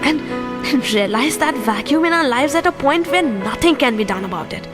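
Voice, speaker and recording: With music in the background, an actress in an amateur audio drama plays Priya, a young adult woman from India speaking with an Indian English accent. Her high-sitting voice is animated at normal speed, and Priya comes across as earnest and reflective, hurt but composed.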